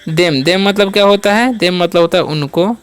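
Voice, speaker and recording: A man's voice: sits high, moderate pace, smooth, faint music behind. A man teaching English words step by step, spelling each word out, quizzing listeners and answering himself, with frequent check-ins. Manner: repeats each word, asks and answers his own questions; ends points with a reassuring check-in. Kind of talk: step-by-step classroom-style lesson.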